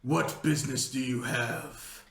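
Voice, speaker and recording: A man voicing a blustering male sky-ship captain who makes slow, stern official challenges, recorded in a roomy space. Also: medium pitch, steady tone, vocal fry, a bit bright, slight background noise.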